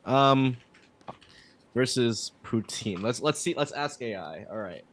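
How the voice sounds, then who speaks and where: A man's voice: mid-range voice, expressive, slow. A man from New Jersey hosting a casual stream chat with friends, rambling with lots of fillers and restarts. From New Jersey, USA. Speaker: streamer host.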